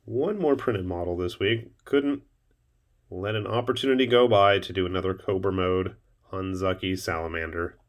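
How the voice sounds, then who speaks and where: A man's voice: low-pitched, normal speed. A man hosting a casual show-and-tell of his painted miniatures, chatty with wry asides. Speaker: miniature painting channel host.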